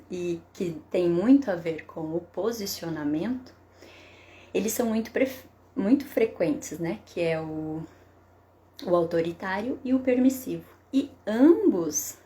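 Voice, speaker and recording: A woman psychotherapist giving parenting advice in a live stream, explaining calmly and often checking in with a tag question. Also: medium pitch. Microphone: webcam or phone for a live stream.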